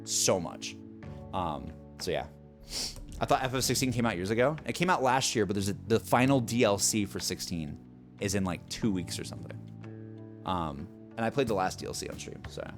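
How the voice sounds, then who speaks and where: A man's voice: lowish voice, expressive, normal speed, faint music behind. A man streaming a game, chatting casually and rambling to his chat. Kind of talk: casual gameplay commentary.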